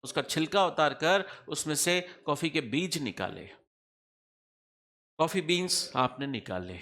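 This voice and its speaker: A man's voice: on the high side, expressive, measured pace, bright, forceful tone. A middle-aged man teaching tax law in a classroom lecture, repeating key figures and quizzing students with questions.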